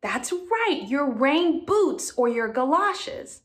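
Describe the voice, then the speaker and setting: A woman's voice: high voice, big pitch swings, slow. A woman teaching a music class for young children, talking in a cheerful, sing-song way and coaxing the kids to join in.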